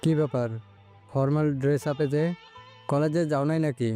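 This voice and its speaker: A woman voicing a stern, angry older man who heads the family, speaking in a gruff, scolding way. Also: sits low, fairly even intonation, normal speed, dark tone, faint music behind, voice pushed down, close to an everyday voice. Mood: questioning.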